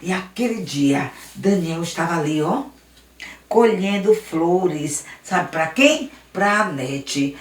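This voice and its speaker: A woman missionary telling a story to children, animated and speaking right to them. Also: medium pitch. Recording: roomy, distant mic.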